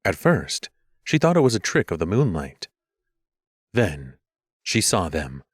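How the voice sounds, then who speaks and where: A man reading a fantasy audiobook in a measured, expressive scripted narration. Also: low voice, husky, no room sound.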